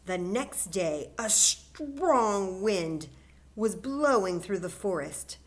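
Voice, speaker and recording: A woman with a mid-pitched voice reads a picture book to young children at a very unhurried pace. She is expressive, pausing to coax the little listeners with simple questions and asides. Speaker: library story time reader.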